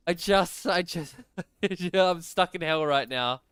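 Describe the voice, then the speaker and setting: A young man plays a game on stream and grumbles at it, laughing and yelling in bursts. His voice is bright and very clear, with a lively, unhurried delivery. The sound is dry and close. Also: on the high side, dry recording. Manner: frustrated, laughing, shouts in bursts. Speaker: gaming streamer. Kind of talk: casual gaming chat.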